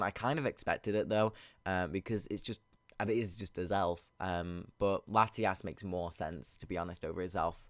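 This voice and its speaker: Deep-voiced man, sniffly with a cold. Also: no echo, clean studio sound. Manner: rambling, thinking aloud. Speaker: video game battle commentator. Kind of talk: casual gameplay commentary.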